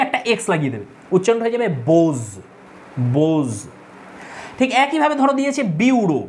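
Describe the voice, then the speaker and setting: A woman's voice: on the high side, slight background noise. A woman teaching an English grammar class. She speaks patiently, spelling words out letter by letter and asking the students questions. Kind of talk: classroom lesson.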